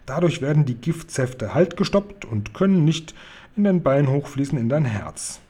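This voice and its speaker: A big friendly giant from a children's storybook, voiced by a man, kind and clever, eager and commanding, with playfully twisted words. The voice sits raised and loud over a husky, dark tone. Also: fairly high pitch, lively intonation, moderate pace. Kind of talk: storybook reading aloud.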